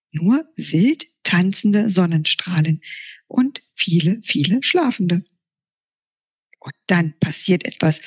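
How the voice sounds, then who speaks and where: A woman author reading her children's storybook aloud in a lively, expressive way. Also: lowish voice, husky.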